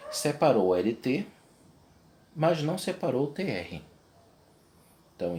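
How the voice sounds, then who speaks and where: A man's voice: lowish voice, warm tone, slight background noise. A young adult man teaching a video lesson, explaining step by step and checking in with his class.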